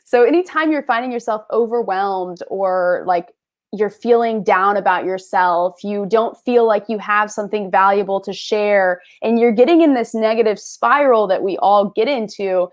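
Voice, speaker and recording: With a mid-range voice at a normal speed, a female guest creator chats casually over a video call. She addresses viewers directly with cheerful, encouraging advice.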